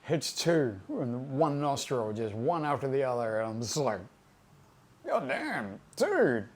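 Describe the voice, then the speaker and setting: A man in his fifties spins a loose, conversational yarn at an everyday mid pitch. His delivery is easygoing and salty, peppered with "you know" and "like" as he drifts between details. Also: normal speed, a little mellow, a little hiss or hum. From Australia. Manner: laid-back, profane, conversational with fillers. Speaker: tattoo artist storyteller. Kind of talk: casual anecdotal storytelling.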